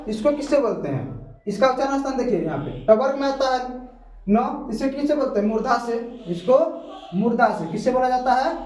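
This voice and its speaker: High-voiced man teaching grammar. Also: a little mellow. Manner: keeps asking questions and answering them himself; repetitive, patient explaining. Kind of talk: classroom grammar lesson. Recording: echoey room, far from the mic.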